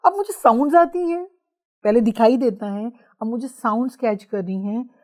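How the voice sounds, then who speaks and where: An emotional woman recounting her spiritual experiences as an interview guest. Her voice sits fairly high and climbs further as the intensity builds. She drops English phrases into her Hindi as she speaks. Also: normal speed. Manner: intense, rises into high excited outbursts. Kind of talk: emotional personal storytelling.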